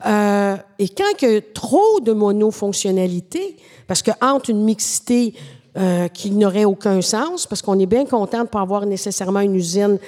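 A middle-aged woman with a Québécois French accent, explaining urban planning in a measured, professorial way as a podcast guest. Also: mid-range voice, lively intonation, warm tone, in a large hall. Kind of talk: podcast conversation.

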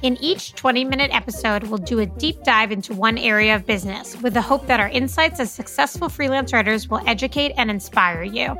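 A woman's voice: fairly high pitch, brisk, few pauses, over music. An enthusiastic woman from California co-hosting a podcast, chatting casually with lots of "like". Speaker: podcast co-host.

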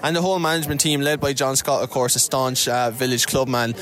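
Fast-talking Irish male sports reporter. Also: medium pitch, a crowd in the background. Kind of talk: post-match interview. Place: outdoors at a sports ground.

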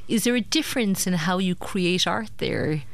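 Radio host, woman, chatty and loud, conversational interviewer. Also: lowish voice, lively intonation, normal speed, no room sound. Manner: chatty, loud by her own word. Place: radio studio.

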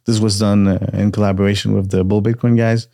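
A man's voice: on the low side, little pitch movement, fairly quick, creaky, warm tone. A man from Peru raised in Montreal, a podcast guest telling his story with frequent hesitations in a casual chat. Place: car.

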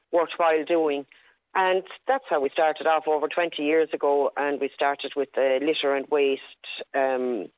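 A woman's voice: sits low, dry recording. Older west of Ireland woman, phone line. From Galway, west of Ireland. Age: 60s. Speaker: primary school teacher. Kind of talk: interview, reminiscing chat.

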